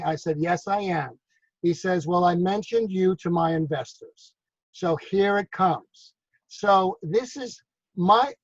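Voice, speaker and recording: A drone business consultant from New York speaks casually on a video call about drone work, repeating himself and seeking agreement from the others. His voice sits high, there is no room sound, and the call audio is dull and lo-fi.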